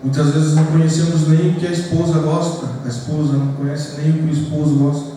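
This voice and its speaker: A Brazilian pastor preaches a sermon, speaking earnestly and warmly to his congregation. His voice sits fairly high for a man but sounds mellow. It rings through a big echoey church hall from a distance, with faint room noise underneath. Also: little pitch movement, fast talker. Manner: earnest, addresses the congregation as "queridos".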